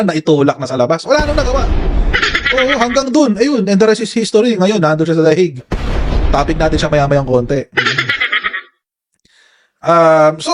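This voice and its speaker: A man with a Filipino accent, chatting casually on a live commentary stream. His voice sits high for a man, and his pitch jumps around a lot. He speaks in an animated, chatty way and keeps turning to his viewers. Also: noisy background. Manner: animated, laughing, addresses viewers as "mga kababayan"; reads viewer comments aloud. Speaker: political commentary vlogger.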